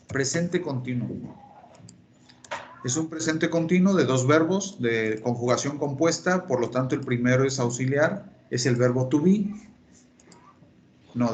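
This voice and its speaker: A man's voice: medium pitch, slight background noise. A male English teacher giving an online class, explaining step by step and repeating key terms over a computer microphone. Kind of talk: online class lecture in Spanish. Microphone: computer mic on a video call.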